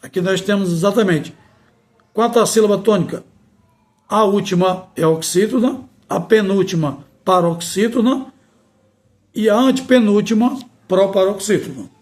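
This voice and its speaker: A man's voice: sits high, moderate pace, a little mellow. A man teaching a grammar lesson, reciting rhymed folk verses with a sing-song rhythm and then explaining them plainly.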